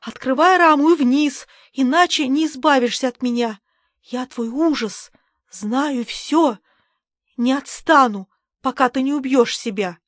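Frightened old woman, pleading and shrill, read by a woman narrator, close dry voice. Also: measured pace, dry recording. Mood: horrified. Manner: pleading, agitated, rising to shrieks. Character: frightened elderly woman, tearful and nervous.

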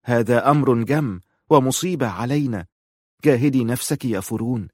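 A man's voice: mid-range voice, normal speed, dry recording, studio quality, lightly acted. A man voicing a devout motherly guardian. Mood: gentle, earnest. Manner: gentle, earnest, admonishing. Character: caring older female guardian, devout and protective.

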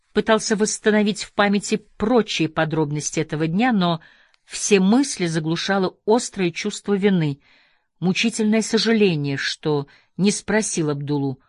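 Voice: medium pitch, no echo. Dry, close audiobook narrator. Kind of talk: scripted narration.

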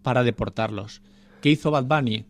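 A man's voice: medium pitch, normal speed, dry recording. Man co-hosting a casual chat. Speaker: podcast co-host.

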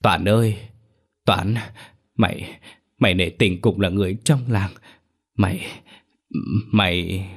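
A man's voice: deep voice, slow pace, long pauses, slightly rough, heavily acted. A man voicing a terrified peasant man in a horror story, stammering and sobbing as he begs for mercy. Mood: desperate.

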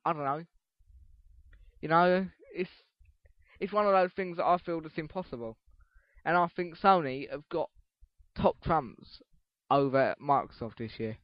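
A man's voice: a little high, measured pace, long pauses, dry recording. A teenage boy hosting a casual solo podcast, rambling, swearing casually and restarting his sentences as he goes. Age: teens. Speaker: podcast host. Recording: dull lo-fi podcast recording.

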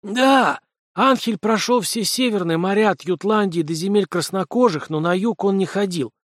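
An easygoing Norse jarl, as a male narrator puts him on, friendly and conciliatory, pitched somewhat high. Dry, close sound. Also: moderate pace, no room sound, lightly acted.

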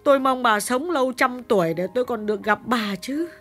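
Woman doing a young servant girl, emotional, plain talker, high voice. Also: brisk, fairly bright tone, soft background music, lightly acted. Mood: recounting. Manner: plain-spoken, storytelling with sobs. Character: young female servant, emotional and eager to please.

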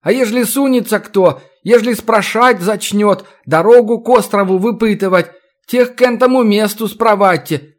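A man's voice: high voice, normal speed, voice pushed up, lightly acted. A man voicing a frightened, sniffling teenage boy from a swamp village who speaks in rustic folk dialect. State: tearful, sniffling.

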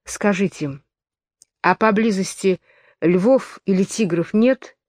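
A woman's voice: mid-range voice, slow pace, darkish tone, dry recording, clean studio sound. A woman voicing Alice, a curious, polite young girl who turns indignant when argued with, in a storybook reading. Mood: earnest.

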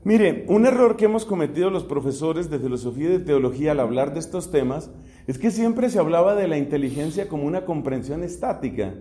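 A man's voice: a little high, lively intonation, brisk, warm tone. A man from Colombia, a Dominican friar, lecturing on philosophy in an emphatic way and repeating key questions to drive them home.

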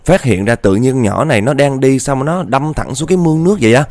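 A man's voice: mid-range voice, fast talker, a little mellow. A man telling a ghost story in a chatty, dramatic way, often speaking straight to his listeners.

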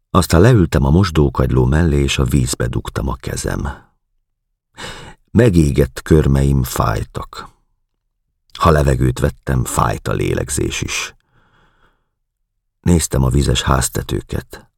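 A man narrating a novel aloud in the first person, slow, subdued and measured. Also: extremely low pitch, gravelly, darkish tone, husky, no room sound, clean studio sound. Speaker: audiobook narrator.

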